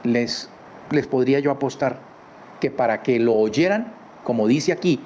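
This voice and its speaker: Man, informal Bible teacher, chatty, mid-pitched, recorded slightly dull with faint noise behind. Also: expressive, measured pace, a little mellow. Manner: conversational, with rhetorical tag questions. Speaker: Torah teacher. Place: his home.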